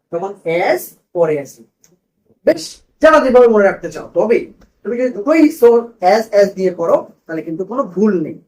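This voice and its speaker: A man's voice: extremely high pitch, darkish tone, poor audio. A man teaching a grammar lesson to a class in a classroom, asking questions and repeating the students' answers.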